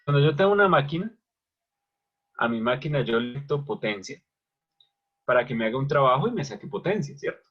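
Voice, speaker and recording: A man's voice: mid-range voice, animated, fairly quick, pauses often, slightly rough. A man teaching an electrical machines class who keeps asking questions and answering them himself. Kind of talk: online lecture at a whiteboard. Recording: dull lo-fi recording.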